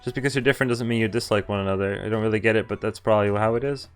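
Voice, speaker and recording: His voice lowish and his tone steady, a man rattles off a visual novel's lines at rapid-fire speed during a stream. Laughs and mildly sweary, offhand asides fill the gaps between lines. Background music runs under him.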